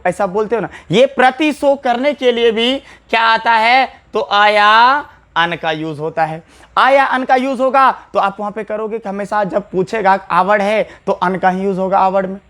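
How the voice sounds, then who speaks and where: A man teaching an English grammar lesson, explaining patiently, repeating key points and addressing viewers casually as brother. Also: high-pitched.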